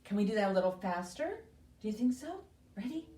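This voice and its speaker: This library story time host speaks to young children with simple, upbeat prompts and questions. She has a mellow, medium-pitched voice with big pitch swings and a fairly quick pace, recorded from a distance in an echoey room.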